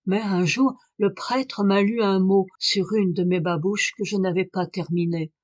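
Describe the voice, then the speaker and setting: A woman voicing a poor old male shoemaker who answers in terse, low refusals. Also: fairly even intonation, measured pace, a little mellow, lo-fi sound, lightly acted. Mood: explaining.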